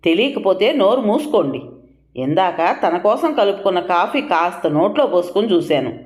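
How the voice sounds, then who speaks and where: A woman voicing a sharp-tongued, quarrelsome middle-aged wife who scolds and mocks with sarcasm, in a storybook reading. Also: mid-range voice, sing-song, normal speed, reverberant, natural voice. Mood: scolding.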